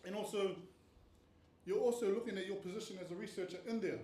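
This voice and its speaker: A man from Tonga, high-pitched yet dark in tone, talks fast with a steady intonation while lecturing a panel on research stages. Earnest and explanatory, he frequently asks rhetorical questions, recorded in a panel venue room through a distant mic with roomy acoustics and faint noise.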